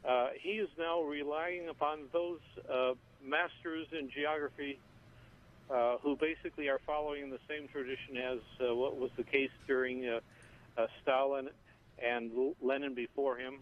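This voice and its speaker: Halting man on a tinny phone line. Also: medium pitch, fairly even intonation. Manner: halting, full of "uh" and restarts. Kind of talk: measured on-air analysis.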